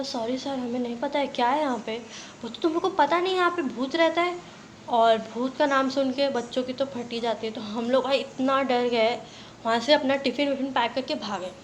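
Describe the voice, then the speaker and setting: Brief: high-voiced woman, chatty storyteller, faint hiss behind. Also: reverberant, rough recording. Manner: chatty, mixes English into Hindi. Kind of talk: casual storytelling to camera.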